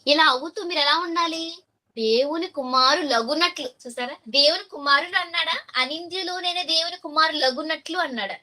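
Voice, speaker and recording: A woman delivers a sermon in a high, ringing voice. She keeps putting questions to her listeners and then answers them. When she quotes verses, she slows down and reads them deliberately. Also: bright, forceful tone. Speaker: preacher.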